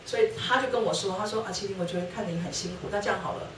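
A woman's voice: medium pitch, racing. A middle-aged woman gives a personal testimony talk at a church lecture. She tells her story and acts out the dialogue she quotes. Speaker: guest speaker sharing her testimony with her husband. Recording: roomy hall, distant mic, faint noise.

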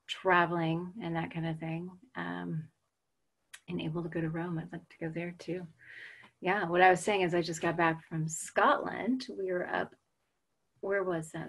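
Her voice is on the low side, husky and creaky yet fairly bright. She's a woman in her forties from the United States, making casual talk over a webcam before a webinar begins and reading out what the audience answers.

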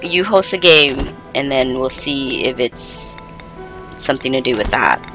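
A man's voice: mid-range voice, lively intonation, a little slow, gravelly, pushed and bright, faint music behind. A man streaming a co-op game, chatting casually and explaining settings to a friend. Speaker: gamer streaming co-op play. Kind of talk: casual gaming chat.

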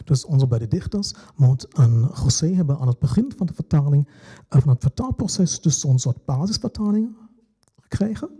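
A man moderates a literary event and lays out a translation project, pausing often and filling gaps as he goes. His voice is husky and breathy, with a dark, mellow tone sitting a little high. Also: expressive. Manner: hesitant, explanatory, with many fillers. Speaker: festival moderator.

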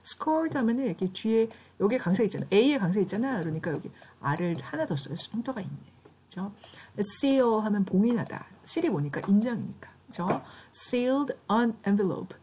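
A Korean woman runs a classroom vocabulary lesson. She talks briskly and keeps checking that her students follow, her pitch jumping around a lot. A faint hiss sits under the recording. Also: very animated, mellow. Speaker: English vocabulary teacher.

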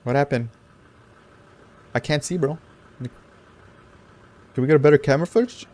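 A man hosting a reaction video, giving casual commentary in an animated, slangy, ranting way. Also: on the high side, measured pace.

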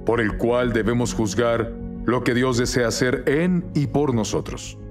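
A man's voice: mid-range voice, unhurried, music in the background. A man as the guest minister in a dubbed interview, telling testimonies earnestly and acting out quoted dialogue.

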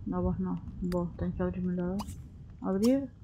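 A woman's voice: on the low side, measured pace, lo-fi sound, noisy background. A woman with a Rioplatense Spanish accent giving casual let's-play commentary, chatty and coaxing as she talks to her characters like babies. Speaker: gaming YouTuber.

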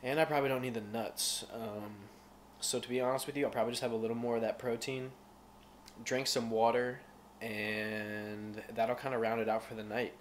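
A man's voice: medium pitch, little pitch movement, normal speed, slight background noise. A man in his twenties talking casually to his phone camera as a fitness vlogger, laid-back, upbeat and full of slang. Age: 20s. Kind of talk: casual vlog talk to camera. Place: car, restaurant and home kitchen.

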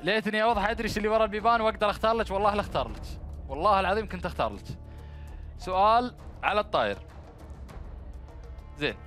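A male game show host with a Gulf Arabic accent talks briskly in a slightly high voice. He banters and encourages, speaking into a headset mic over faint music. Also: a bit bright. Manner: bantering, encouraging callers with blessings. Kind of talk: live TV quiz hosting with phone callers. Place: small studio set dressed as instrument shop. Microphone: headset microphone.

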